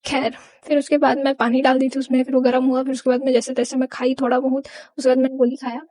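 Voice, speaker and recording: A woman's voice: sits high, little pitch movement, quick pace, mellow, no echo. A young woman vlogger telling a personal story in an emotional, rambling, confessional way. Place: home.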